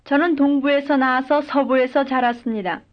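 In a dull, lo-fi recording, a woman with a high voice and steady tone reads full model sentences for a language drill. She keeps a moderate pace and delivers each line carefully and evenly.

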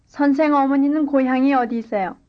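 A woman reading a scripted language-lesson dialogue and drill answers in clear, careful model sentences. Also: sits high, steady tone, a little fast, highs cut off. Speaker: language course speaker.

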